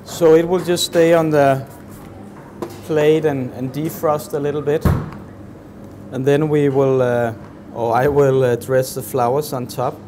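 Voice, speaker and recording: A man in his thirties explains a dessert as he plates it, his words slow and careful, with plenty of pauses and filler sounds. His voice sits in an ordinary middle range. Clear kitchen noise hums behind him in the large professional kitchen. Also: medium pitch, steady tone, dark tone. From Denmark. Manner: slow, halting, many fillers. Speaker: chef. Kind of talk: cooking demonstration.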